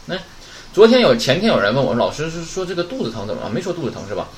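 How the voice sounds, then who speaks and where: A man teaching Japanese vocabulary in a chatty way, often asking a question and answering it himself. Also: rapid-fire. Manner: chatty, asks rhetorical questions and answers them; lively, swinging pitch. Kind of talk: casual vocabulary lesson.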